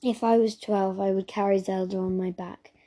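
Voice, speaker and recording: A woman reading a children's story aloud as narrator, steady and even, with small slips. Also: mid-range voice, normal speed.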